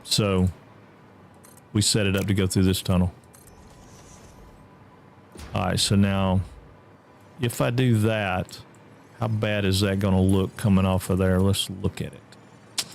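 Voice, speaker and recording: A man's voice: slow pace, gravelly, long pauses, slight background noise. A man from Georgia with a Southern accent, chatting casually while live-streaming a game and answering chat. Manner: chatty, drawling, reads chat aloud, jumps high when excited.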